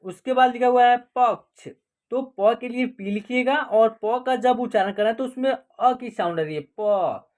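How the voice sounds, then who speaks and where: A woman's voice: fairly high pitch, moderate pace, darkish tone. A woman teaching an online class, explaining step by step and asking questions that she then answers herself.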